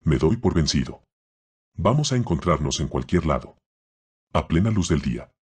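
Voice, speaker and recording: A man's voice: a bass voice, big pitch swings, moderate pace, husky, heavily acted. A man reading the part of a frightened male mob boss, anxious and placating. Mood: pleading.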